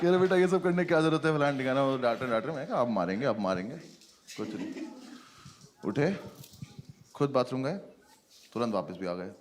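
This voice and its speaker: A young adult man doing stand-up, telling an animated story and laughing through his lines on a stage before a live audience. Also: mid-range voice, fairly quick, pauses often. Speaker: stand-up comedian. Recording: loud noise over a stage recording.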